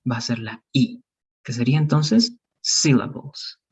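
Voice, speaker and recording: A man's voice: medium pitch, sing-song, moderate pace, dark tone, husky, far from the mic, lo-fi sound. A man teaching an English pronunciation lesson, patient and encouraging, mixing Spanish explanations with English examples.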